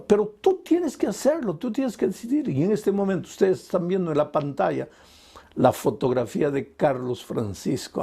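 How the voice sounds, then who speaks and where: An older man preaches with a gravelly, somewhat high voice that has a dark, mellow color. He pleads with the listener in an impassioned way, rising to loud calls and then dropping to soft, tender words. He keeps addressing the listener as "dear.". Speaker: pastor. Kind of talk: evangelistic sermon.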